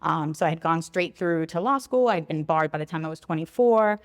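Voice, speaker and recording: A woman in her thirties, a travel blogger raised in Philadelphia and born in Puerto Rico, telling her story in a clear, articulate podcast interview. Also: sits low, expressive, brisk, in a large hall.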